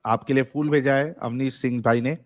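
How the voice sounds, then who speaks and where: A man's voice: mid-range voice, fairly even intonation, a little fast, no echo, lo-fi sound. A man hosting a livestream debate show. He reads viewer messages aloud in a casual, joking way and laughs often. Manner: jokey, laughs often while reading comments.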